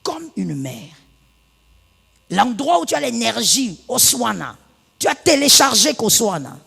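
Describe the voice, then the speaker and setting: A woman pastor preaches, her voice swinging widely in pitch from soft asides to loud, driven bursts. Her voice is husky. It rings out with a long reverb, as in a large church hall. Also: sing-song, a little slow. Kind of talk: sermon.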